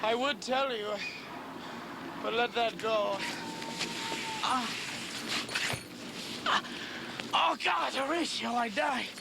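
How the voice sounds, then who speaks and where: Man acting a high-voiced dying prince, gasping. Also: vocal fry, heavy background noise, heavily acted. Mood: anguished. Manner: halting, gasping delivery with groans. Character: dying Danish prince, anguished, poisoned, passionate. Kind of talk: Shakespearean stage acting.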